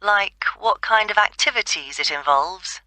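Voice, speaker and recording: A woman playing an interested, inquiring caller in a scripted phone dialogue, brisk in manner. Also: medium pitch, animated, bright, forceful tone, no echo. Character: interested woman caller asking about volunteering. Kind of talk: scripted listening-test dialogue.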